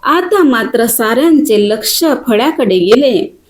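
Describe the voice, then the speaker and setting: A woman narrating a story in a deliberate, dramatic storytelling manner. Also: on the high side, expressive.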